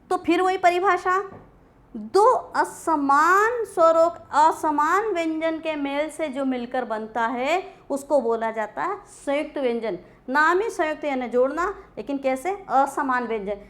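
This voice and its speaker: Woman teacher lecturing, high voice, keeps asking questions then answering them. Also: a bit bright. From India. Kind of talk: classroom grammar lecture. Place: coaching class.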